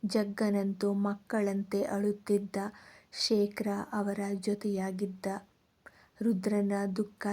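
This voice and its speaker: A woman narrating an audio story, reading slowly and softly. Her voice is mellow and dark, and she keeps her pitch quite flat from line to line. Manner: slow, even, soft-spoken reading. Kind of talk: scripted narration.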